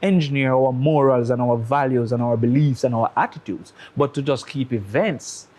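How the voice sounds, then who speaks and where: At a normal speed and with a darkish tone, a medium-pitched man with a Jamaican accent gives opinionated talk-show commentary. The studio guest leans on analogies and rhetorical questions to argue his case.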